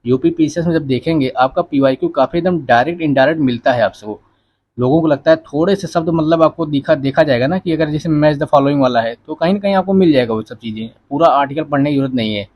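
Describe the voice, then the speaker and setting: A man's voice: fairly high pitch, fast talker, muffled recording. A male exam coaching teacher giving a casual spoken lecture, advising students directly in a conversational way.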